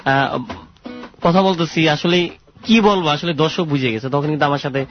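An earnest man is being interviewed on the radio about playing sport. His slightly high voice halts as he searches for the right words. The broadcast sounds muffled, and music plays clearly behind him. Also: normal speed. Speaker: sports player as guest.

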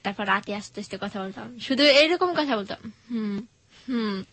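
A nineteen-year-old woman, telling her personal story as a guest, soft and hesitant in manner. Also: a little high, lively intonation, brisk, gravelly, slightly rough. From Bangladesh.

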